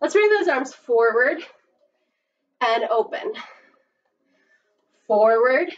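A woman's voice: a little high, lively intonation, slow pace, a little hiss or hum. A woman in her thirties working as an aerobics instructor, cueing an exercise class with counts and short commands. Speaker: aerobics instructor leading a barre workout. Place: carpeted indoor playroom at home. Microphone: far camera microphone. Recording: muffled, distant camera microphone.

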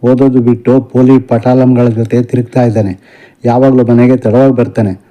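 A man's voice: medium pitch, little pitch movement, moderate pace, lo-fi sound, natural voice. A man voicing a young older brother in an audio novel, complaining and telling tales.

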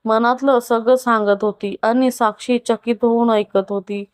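A woman narrating a family story in a slow, even storytelling manner. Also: a little high, clean tone, no echo.

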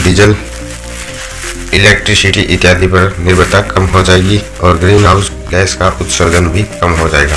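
Deep flat-voiced man over music. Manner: steady read-aloud delivery with small slips. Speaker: channel narrator. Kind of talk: scripted voice-over explainer. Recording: voice-over with loud background music.

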